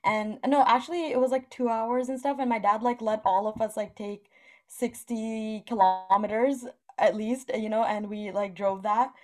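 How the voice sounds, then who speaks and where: A young adult woman speaks in a somewhat high voice. Her delivery is casual, conversational and very colloquial, peppered with "like", as a co-host chatting with a friend. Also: steady tone, normal speed. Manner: colloquial, giggly, heavy use of "like". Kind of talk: casual chat.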